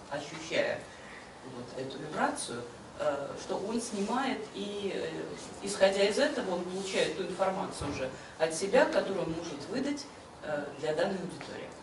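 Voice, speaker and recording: A woman audience member making a comment and question, deliberately, in short broken phrases. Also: lowish voice. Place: seminar room, off camera. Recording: echoey, noisy room, far from mic.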